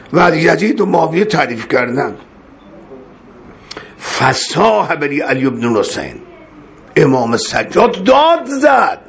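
A man's voice: very high-pitched, gravelly. A man preaching a religious sermon, reciting Arabic verses and explaining them with impassioned, emotional delivery. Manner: impassioned, voice rising and breaking with emotion.

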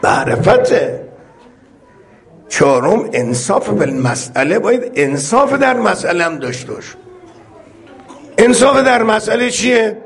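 Very high-voiced male preacher. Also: expressive, creaky, long pauses. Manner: humorous, acts out the characters in his stories. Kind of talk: religious sermon with storytelling.

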